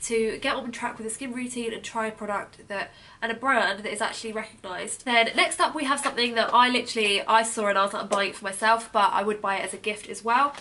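A young British woman with a fairly high voice talks through products in a casual, upbeat way. Her voice is a little hoarse, and she fills gaps with frequent ums. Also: quick pace, pushed and bright. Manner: chatty, enthusiastic product talk with many ums. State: losing her voice. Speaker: beauty blogger. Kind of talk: casual gift-guide vlog.

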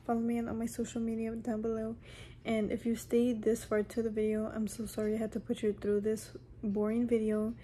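Woman, casual vlog rant, exasperated and repetitive, keeps saying honey, very mellow dark voice, fairly flat delivery. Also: a little high, fairly quick, a little hiss or hum. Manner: exasperated, repeats herself, keeps calling the viewer "honey". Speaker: vlogger.

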